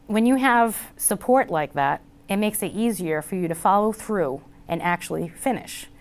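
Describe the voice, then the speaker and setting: A community college student gives an interview testimonial, telling her story in an earnest, heartfelt way. Her mid-range voice moves at a normal speed with lively intonation, and she uses "you know" as a filler often.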